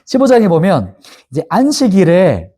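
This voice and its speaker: A man's voice: high voice, huge pitch swings, moderate pace, mellow. A male pastor giving a Bible lecture, asking his class questions and answering them himself. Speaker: pastor teaching a Bible course.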